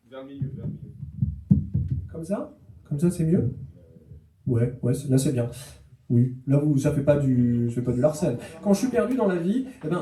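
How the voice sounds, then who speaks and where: Male stand-up comic on a small stage, acts out inner voices, dark tone, distant roomy live recording. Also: a little high. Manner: animated storytelling, voicing inner voices and letters. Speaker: stand-up comedian. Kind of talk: stand-up comedy. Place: small cultural café stage before an audience. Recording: echoey room, voice from far off.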